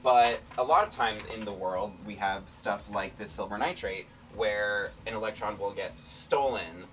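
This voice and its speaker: A man's voice: on the low side, normal speed, fairly bright tone, distant mic, soft background music. A man giving a casual, informal step-by-step science explanation as a chemistry demonstrator, often saying "like". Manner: informal, peppered with "like".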